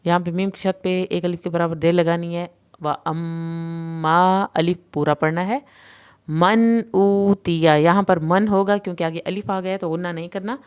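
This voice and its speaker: Female recitation teacher with an Urdu accent, crisp clear voice, explains then recites slowly. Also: fairly low pitch, little pitch movement. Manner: clear explanations alternating with slow drawn-out recitation. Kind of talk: tajweed lesson, explaining and reciting.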